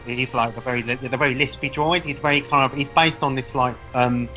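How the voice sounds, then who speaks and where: A man's voice: medium pitch, fairly even intonation, a little fast, bright, forceful tone, faint music behind, rough recording. A man, a comedy podcast host, chatting casually as a guest and laughing often. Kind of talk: casual chat.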